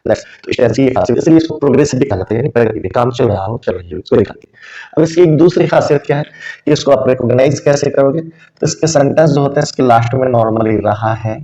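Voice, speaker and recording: A man teaches grammar patiently, walking through one example after another and answering his own questions. His voice is dark and mellow. The recording is dull and lo-fi. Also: mid-range voice, expressive, fast talker. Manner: patient, explains step by step with examples; asks questions and answers them himself. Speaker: English teacher. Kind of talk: spoken English lesson explained in Hindi.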